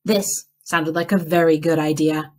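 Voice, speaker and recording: A woman librarian reading a picture book aloud, slow and expressive. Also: sits low. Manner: slow expressive storytelling with character voices. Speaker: children's librarian.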